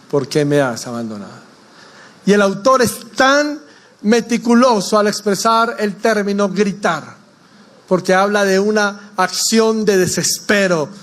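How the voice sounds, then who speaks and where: A man preaching a sermon in a church, asking the congregation questions as he goes. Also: high voice. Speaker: pastor.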